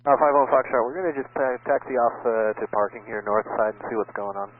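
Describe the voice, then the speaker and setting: Male pilot on the aircraft radio, quick clipped calls, muffled channel with engine noise behind. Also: medium pitch. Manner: brisk and terse, with frequent "uh" fillers. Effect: pilot heard over the aircraft radio. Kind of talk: clipped radio calls to air traffic control.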